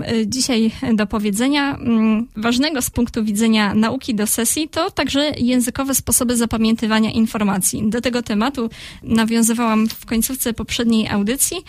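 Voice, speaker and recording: A woman's voice: on the high side, no room sound. A woman presenting a radio segment on language, explaining at length with frequent hesitant filler sounds.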